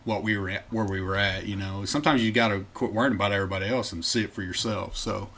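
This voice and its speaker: A man's voice: lowish voice, quick pace, a bit bright. A man co-hosting a podcast, laid-back and chatty, drifting off into side tangents. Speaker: podcast co-host. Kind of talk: casual chat.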